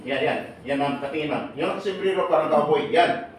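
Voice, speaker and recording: A man's voice: fairly high pitch, normal speed, recorded from a distance. Exhorting man in an echoey hall. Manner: exhorting, asks the audience rhetorical questions, jokes. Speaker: seminar speaker and radio broadcaster. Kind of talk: lively speech to a live audience.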